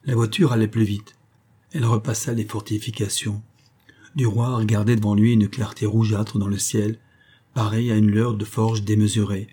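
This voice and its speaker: A man reading a classic novel aloud as scripted narration, in a measured literary way. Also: on the low side, little pitch movement, dark tone, husky. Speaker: audiobook reader.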